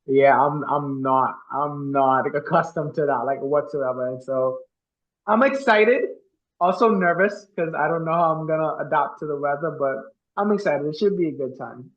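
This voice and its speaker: Young man from the Bahamas, earnest vet student guest, fairly high voice, roomy dull lo-fi sound; casual interview. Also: moderate pace. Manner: earnest, uses many fillers like "like".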